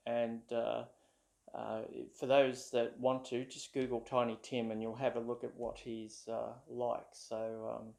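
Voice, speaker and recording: A man's voice: medium pitch, monotone, unhurried, gravelly, darkish tone. An Australian man telling a casual, rambling story to camera, with plenty of ums and uhs. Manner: rambling, with many fillers. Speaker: ukulele vlogger.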